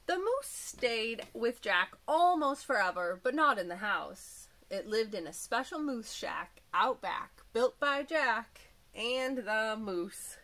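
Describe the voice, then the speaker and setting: A woman teacher reading a storybook aloud to young children, gentle and clear, with small asides about the pictures. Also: fairly high pitch, lively intonation, takes it slowly.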